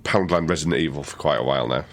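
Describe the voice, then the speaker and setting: A man's voice: rumbling low, very fast. A man co-hosting a casual podcast chat, wry and laughing between lines. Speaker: podcast co-host.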